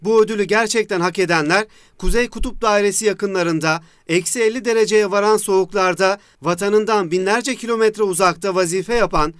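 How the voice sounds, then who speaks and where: Smooth, high-voiced man reading formally. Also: brisk, few pauses, fairly bright tone, no echo, studio quality. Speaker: voice-over reader. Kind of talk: formal scripted reading of a written message.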